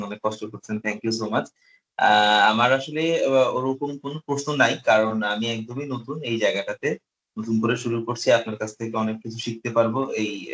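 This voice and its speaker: A man's voice: medium pitch, fairly bright tone. A man from Bangladesh speaks up in an online class, courteous and grateful, at an easy pace. He sounds like a newcomer politely introducing himself. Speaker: student. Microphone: video call.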